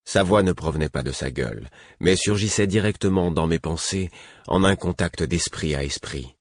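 A man narrating a fantasy novel in the first person, steady and measured. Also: deep voice, dry recording, clean studio sound. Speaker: audiobook narrator.

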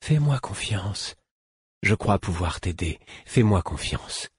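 A man voicing a soft, pleading jester healer. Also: low voice, expressive, brisk, husky, no echo, studio quality, heavily acted.

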